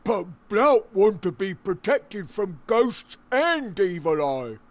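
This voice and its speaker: A man voicing a simple-minded, timid and stubborn ogre in a video game, husky, with slow broken speech. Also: sits high, very animated, exaggerated voice. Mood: stubborn, anxious. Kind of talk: video game character acting.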